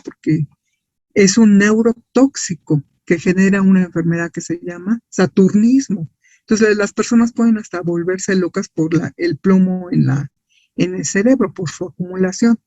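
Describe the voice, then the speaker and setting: A Mexican-accented science teacher lectures didactically, posing rhetorical questions, answering them himself, and seeking agreement with tag questions. His voice sits high and a little mellow, and the recording is dull, lo-fi, and dry with no echo.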